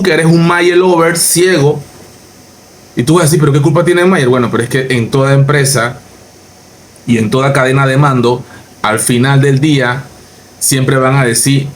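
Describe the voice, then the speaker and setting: A man's voice: medium pitch, a little hiss or hum. A man hosting a reaction video, giving sarcastic, mocking commentary aimed straight at his critics.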